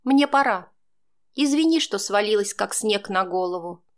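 A woman's voice: medium pitch, animated, moderate pace, natural voice. A bitter, ironic young woman whose lines drip with sarcasm and cool condescension, as a woman reader puts her on. The voice is lifted well above the reader's plain narrating tone. It has the feel of an audiobook.

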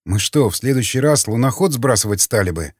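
A man's voice: mid-range voice, animated, brisk, husky, dry recording, studio quality. A man doing a weary, skeptical grumbling copilot. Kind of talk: audiobook character voice.

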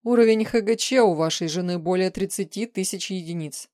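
A woman reading an audiobook, voicing a calm, formal male analyst reporting results. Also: medium pitch, no room sound, clean studio sound, natural voice. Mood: clinical. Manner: measured, formal.

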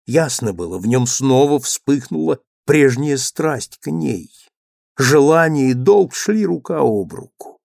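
Male audiobook narrator, measured and even, mid pitch, dry close recording. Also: vocal fry, no room sound. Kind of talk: audiobook reading.

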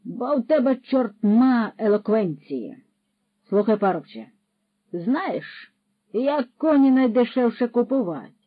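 Pompous, loud-lecturing male horse thief, put on by the audiobook narrator, a bit higher than the narration, dull dry storybook audio. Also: sing-song, a little slow, dry recording.

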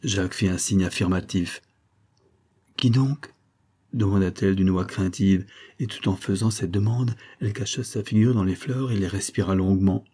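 A man narrating a classic novel aloud in a measured storytelling manner. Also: low-pitched, steady tone, dark tone, slightly rough. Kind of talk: reading a serialized novel aloud.

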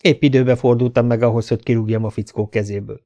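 A man's voice: medium pitch, fairly even intonation, warm tone. A man reading a hard-boiled novel aloud as an audiobook, in a dry, laconic manner. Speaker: audiobook reader.

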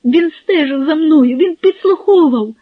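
A woman's voice: high-pitched, normal speed, voice pushed up, lightly acted. A woman voicing a frightened, pleading young village girl in an audiobook. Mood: distressed. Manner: emotional, pleading. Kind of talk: audiobook character voice. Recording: husky, phone-like, dry.

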